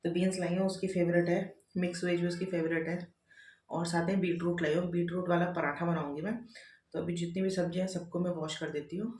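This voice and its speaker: A woman's voice: on the low side, fairly even intonation, brisk, darkish tone. Woman in her thirties, daily home vlog, chatty, repeats herself, talks over chores, phone camera. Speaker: vlogger, mother of two. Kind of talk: casual daily vlog chat. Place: home, kitchen and rooms.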